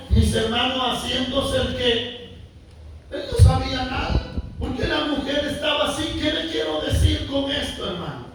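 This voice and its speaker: A man preaching a sermon with impassioned, drawn-out emphatic phrases that rise to shouts, recorded in a church sanctuary. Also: extremely high pitch. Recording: very echoey church hall, mic at a distance, faint noise.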